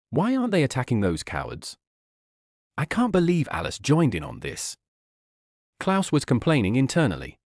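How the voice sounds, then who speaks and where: A man reading a fantasy light novel aloud as audiobook narrator, in a steady storytelling manner. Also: mid-range voice, dry recording, studio quality. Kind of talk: scripted narration.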